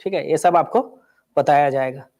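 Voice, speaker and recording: A high-pitched man runs a live exam-coaching class. He talks in a chatty way, throws quick questions at his students and then answers them himself. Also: darkish tone. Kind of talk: live online class lecture.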